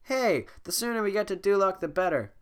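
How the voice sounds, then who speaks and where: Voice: medium pitch, lively intonation, a little fast, clear, resonant tone, pitched above the performer's own voice, natural voice. A sick-sounding reader voicing a cheerful, chatty talking donkey. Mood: cheery. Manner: upbeat and chatty. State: sick, hoarse throat.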